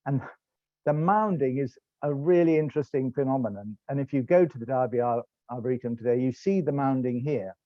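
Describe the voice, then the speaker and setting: A man's voice: mid-range voice, brisk, dry recording, dull audio. A middle-aged British man with an English accent, giving a rambling, self-correcting online lecture over slides. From England. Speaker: lecturer and tour guide.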